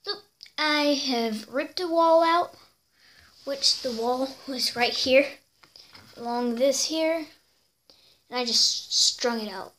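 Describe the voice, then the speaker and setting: A high, light-voiced girl rambles through a casual show-and-tell vlog, filled with little squeals and "um"s. She talks at an easy, unhurried pace into a handheld camera at home, with faint noise underneath. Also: a bit bright. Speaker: toy horse collector vlogger.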